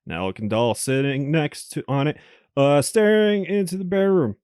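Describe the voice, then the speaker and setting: A man's voice: on the high side, normal speed, darkish tone, clear, resonant tone, no room sound, clean studio sound. A man hosting a let's play, reading a visual novel's narration aloud with amused laughs between passages. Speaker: let's play host reading the game text.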